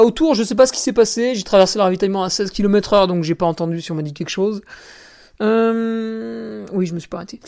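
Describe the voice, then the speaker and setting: A man's voice: high-pitched, a little mellow. A man telling a story in a solo podcast, ranting indignantly with crude slang and often turning to the listener. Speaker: podcast host and trail runner.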